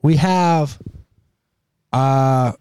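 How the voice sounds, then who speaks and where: An American man hosts a political commentary show while nursing a sore throat. His voice is dark and mellow, in a very dry recording. He speaks in an emphatic, exasperated monologue with colloquial wording. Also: medium pitch, very slow, clear, resonant tone, no room sound. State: sore throat with coughing and throat clearing.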